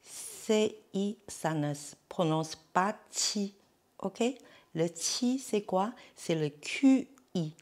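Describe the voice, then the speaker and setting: A woman's voice: mid-range voice, animated, very slow, darkish tone. A woman teaching pronunciation in French, patiently repeating each sound and checking that the listener follows. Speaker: Chinese teacher. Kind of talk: slow pronunciation lesson.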